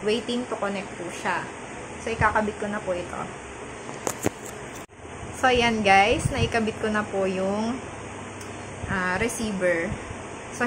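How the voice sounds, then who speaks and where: A woman of ordinary pitch talks her viewers through a budget microphone review in a friendly, polite way, slipping English words into her sentences. A steady background noise runs clearly under the home recording. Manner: polite and chatty, sprinkling Taglish and respectful particles; repeats test phrases while comparing mic on and off. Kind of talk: casual product review vlog.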